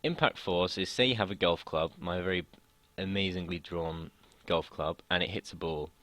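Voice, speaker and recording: A young British student tutor explains a physics lesson casually, often hesitating and restarting sentences, his voice slightly croaky from talking so long. It's low-pitched and a bit bright at a moderate pace, with no room sound.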